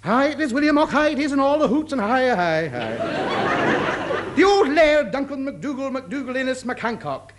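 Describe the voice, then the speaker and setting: A man's voice: very high-pitched, big pitch swings, moderate pace. An actor playing a pompous, self-deluded man who fancies himself a Scottish laird, in theatrical radio sitcom style with mock-Scottish phrasing. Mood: proud, mock-solemn. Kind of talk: studio radio sitcom acting. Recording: noisy vintage radio comedy recording.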